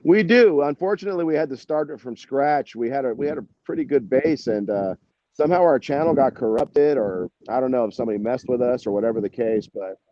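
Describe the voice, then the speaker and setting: The guest is an American band musician who talks in a loose, rambling way, sprinkling in "you know" and "man." He has a mid-range voice and speaks a little fast, recorded with lo-fi sound and no echo.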